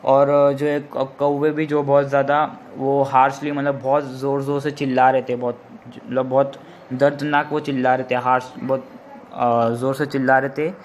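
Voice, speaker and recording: Man explaining a textbook in a flat voice. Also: mid-range voice, highs cut off, a little hiss or hum. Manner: explains line by line, rephrasing often with many fillers; reads English lines slowly and deliberately. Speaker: English teacher.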